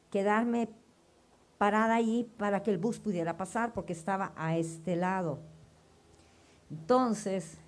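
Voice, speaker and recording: A middle-aged woman gives a personal testimony in a church setting. She tells her story with lively energy, in a medium-pitched voice, and acts out the dialogue she remembers. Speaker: church member giving testimony.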